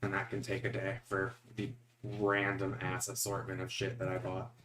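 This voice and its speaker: A man's voice: sits low, completely flat delivery, moderate pace, a bit bright, slight background noise. A man chatting casually as a player in a tabletop role-playing game. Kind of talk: casual chat. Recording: echoey room.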